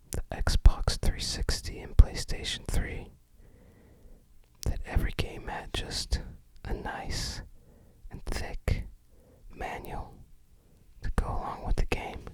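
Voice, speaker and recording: An ASMR host narrates an unboxing in a breathy, unvoiced whisper, offering gentle, rambling commentary. The audio quality is poor.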